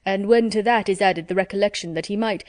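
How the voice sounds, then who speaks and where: A woman voicing a pompous, self-satisfied middle-aged gentleman in a storybook reading, measured and formal. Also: mid-range voice, no echo, studio quality, lightly acted.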